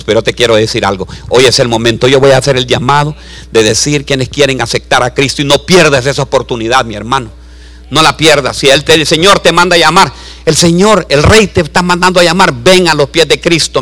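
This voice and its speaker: A man preaching a sermon to a church, swinging from low asides to loud preaching. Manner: acts out voices in his story.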